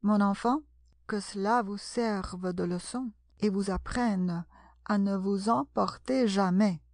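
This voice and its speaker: Woman putting on a preachy old crab dad, slow, dry sound. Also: mid-range voice, a little mellow, dry recording. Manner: lecturing.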